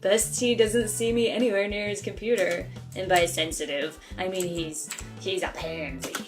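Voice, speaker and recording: A woman's voice: mid-range voice, steady tone, normal speed, faint music behind. A woman host giving casual let's play commentary with joking, sarcastic asides.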